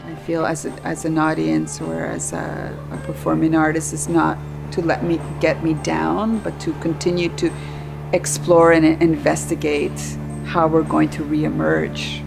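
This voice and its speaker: Gravelly, lowish woman, earnest interview. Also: little pitch movement, unhurried, music in the background. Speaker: performing artist. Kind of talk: documentary interview answers.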